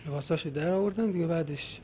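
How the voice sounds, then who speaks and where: Male suspect, slow matter-of-fact account, slightly high voice, distant lo-fi audio. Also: a little hiss or hum. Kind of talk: interrogation account.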